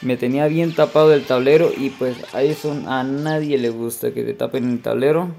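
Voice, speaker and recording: Mexican male gaming host, chatty and excitable, talks straight to viewers over soft game music. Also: mid-range voice, normal speed, gravelly. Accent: Mexican Spanish. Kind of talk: mobile gameplay commentary.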